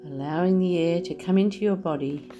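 A woman leading a guided meditation, speaking softly and soothingly as she talks the listener through relaxing the body. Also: fairly low pitch, lo-fi sound. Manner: slow, soft and soothing. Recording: soft music underneath.

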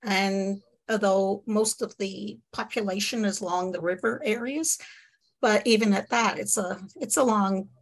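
A woman's voice: medium pitch, steady tone, unhurried, gravelly, low-quality recording. Chatty woman author, laughing often. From Quebec, Canada. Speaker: author guest. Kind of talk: casual interview chat.

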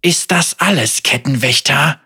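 A man's voice: medium pitch, animated, slow pace, slightly rough, heavily acted. A man voicing a defiant, despairing young woman. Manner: shouting in anger, teeth clenched.

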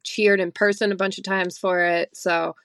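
A woman from Massachusetts, a podcast guest chatting casually, giving brief, soft-spoken answers and laughing often. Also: medium pitch, flat delivery, moderate pace, no room sound, clean studio sound. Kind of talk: casual chat.

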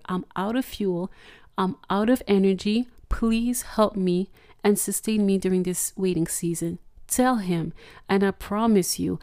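A woman's voice: mid-range voice, warm tone, no room sound, studio quality. Earnest woman hosting a faith podcast. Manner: earnest, encouraging, repeats key phrases. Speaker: podcast host.

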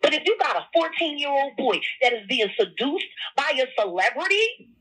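A woman's voice: sits high, very animated, normal speed, fairly bright tone. A woman caller heard over a phone line, talking bluntly and profanely and repeating herself for emphasis in a heated conversation. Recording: phone call audio.

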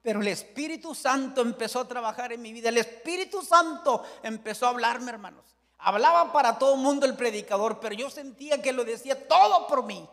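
A man preaching a fervent Pentecostal sermon, swinging between shouts and hushed storytelling. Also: extremely high pitch, animated, a little fast, big-room sound. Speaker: pastor.

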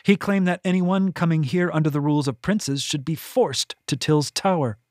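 A narrator voices a composed young noblewoman who speaks politely, evenly, and guardedly, using a medium-pitched, darkish voice at normal speed. It is pitched above the performer's own voice but stays close to an everyday voice. The studio-quality recording has no echo.

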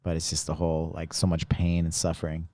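Very low, flat-voiced male host. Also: dry recording. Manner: rambling, halting, full of "you know" and "like". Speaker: podcast host. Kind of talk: casual podcast interview.

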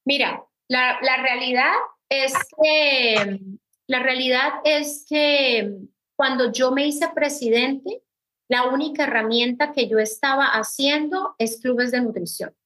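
A woman's voice: high-pitched, slow, bright, forceful tone, low-quality recording. A middle-aged woman giving a mentoring talk, emphatic and repetitive, speaking straight to her listeners. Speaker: mentor in a network-marketing business. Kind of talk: mentoring talk, personal advice.

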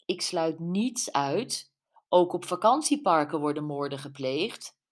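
A woman's voice: low voice, lively intonation, measured pace. A woman doing a curt male police officer. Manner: brusque, formal.

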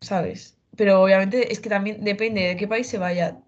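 A young woman, co-hosting a casual podcast over a video call, relaxed and slangy. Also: mid-range voice, moderate pace, muffled recording. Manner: relaxed, slangy, uses "en plan" and "¿sabes?". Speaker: podcast co-host.

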